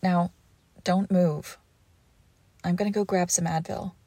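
A young woman playing a devoted girlfriend who nurses her sick partner, coaxing and protective, often dropping to a hush. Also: lowish voice, steady tone, a little slow, dry recording. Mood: firm caring. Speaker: audio roleplay performer. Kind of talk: audio roleplay addressed to the listener.

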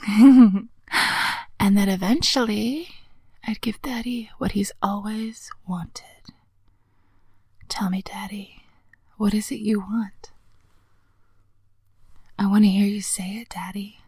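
A woman voicing a playful, teasing young woman just out of school, talking close to the mic in a breathy whisper with frequent giggles. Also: mid-range voice, darkish tone, no echo. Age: young adult. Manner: giggly, coaxing, slow and drawn-out. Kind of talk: intimate audio roleplay.

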